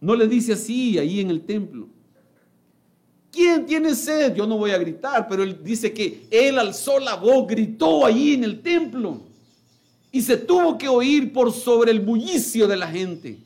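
A man preaching a sermon who addresses his listeners directly as brother and swings between loud calls and hushed remarks. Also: high voice, lively intonation, unhurried.

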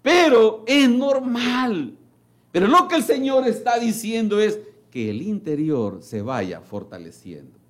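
A man delivers a sermon in a high voice that leaps up and down. He speaks slowly and emphatically, his volume rising and falling sharply, and he slips into the voices of the people in his examples. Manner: emphatic, with big swings in pitch and loudness. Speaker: preacher.

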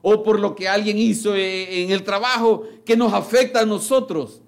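A man's voice: steady tone, moderate pace, creaky. A man preaching a sermon, emphatic and acting out the voices of people in his stories. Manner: emphatic, with big swings in pitch and loudness.

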